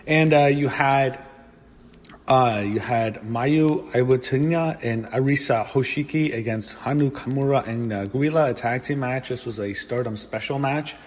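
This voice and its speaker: A man giving a casual solo review of a wrestling show, rambling and excitable, swearing when annoyed. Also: mid-range voice, a little slow. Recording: long room reverb with faint background noise.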